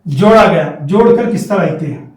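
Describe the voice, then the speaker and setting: A man with a Hyderabadi Urdu accent teaching Quranic letters, spelling each letter and syllable out and repeating it in a slow, deliberate classroom manner. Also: high-pitched, lively intonation. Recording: roomy, distant mic.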